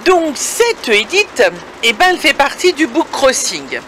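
This woman vlogs from a camper van that is either moving or parked, speaking straight to viewers in a chatty, casual way. Her high-pitched, slightly bright voice swings widely in pitch at a measured pace, and engine and road noise can be heard.

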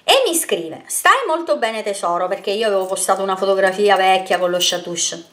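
A woman's voice: medium pitch, animated, brisk, fairly bright tone. A woman beauty vlogger answering viewer questions in a casual Q&A video, chatty and rambling, sending kisses and pet names to her followers. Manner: rambling with frequent fillers and self-corrections.

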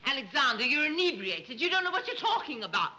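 A high, bright, sing-song voice that flits up and down, belonging to a dizzy society matron. She dithers and titters through every line in classic 1930s screwball film style. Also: sing-song, fast, heavily acted, low-quality recording. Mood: airy, fluttery. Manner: fluttery, dithering, giggly. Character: flighty scatterbrained society mother. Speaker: mother.

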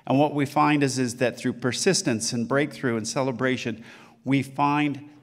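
A man's voice: medium pitch, fairly even intonation, moderate pace. Man in his sixties giving a stage talk. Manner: loose, filler-heavy delivery with restarts. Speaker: conference speaker. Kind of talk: conference talk. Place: dark conference stage with a large room. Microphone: handheld mic.

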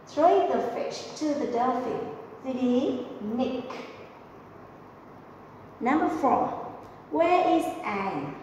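A woman's voice: high voice, dull audio. A woman English teacher who patiently walks children through test answers, repeating phrases and correcting herself. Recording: echoey room, voice far from the mic, faint noise.

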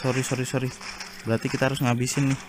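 A man's voice: medium pitch, level tone, very fast, noisy background. A man giving casual commentary while he plays a zombie survival game, chatting to viewers and exclaiming at jump scares. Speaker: gaming YouTuber.

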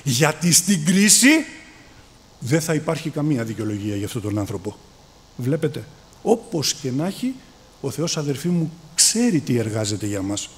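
A man's voice: mid-range voice, very animated, a little hiss or hum. A man preaching a sermon, often calling his listeners brothers and swinging his voice up and down for emphasis. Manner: calls listeners brothers, voice rising and falling in emphasis.

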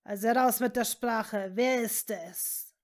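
A woman voicing an evil male dark wizard who talks in a cold, mocking, hissing way. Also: on the high side, close to an everyday voice. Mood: scornful. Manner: slow, scornful, hissing.

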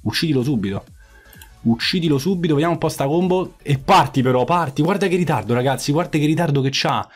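A man's voice: a little high, quick pace, husky, faint music behind. A man commenting on his own mobile game match, swearing often and repeating phrases in frustration. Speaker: gaming YouTuber. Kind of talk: live gameplay commentary.

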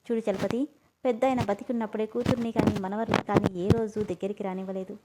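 A woman's voice: medium pitch, flat delivery, fast, very noisy, close to an everyday voice. A woman voicing a blunt older man from a village, who talks in a scolding, matter-of-fact way.

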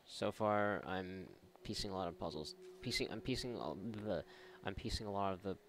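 A low-pitched man at a moderate pace offers casual let's play commentary, sarcastic and often profane, as the host of a gaming video. Background noise is present.

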